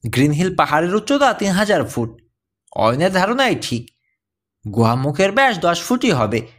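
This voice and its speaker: A man's voice: sits high, very animated, normal speed, fairly bright tone. A man narrating an adventure story, reading every character's lines in his own voice. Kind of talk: scripted audiobook narration.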